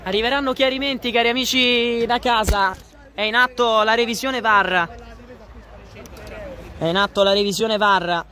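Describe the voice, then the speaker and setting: A man giving excitable, breathless live football commentary. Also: high-pitched, normal speed, pauses often. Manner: excitable, breathless running goal-action commentary. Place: outdoor floodlit football ground at night.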